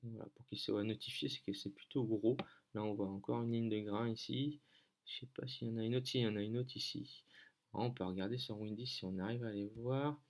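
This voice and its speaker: A man's voice: fairly low pitch, steady tone, brisk. Hesitant man explaining weather maps. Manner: hesitant, many fillers, thinking aloud while clicking. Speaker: weather-map tutor. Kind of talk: casual screen-share tutorial.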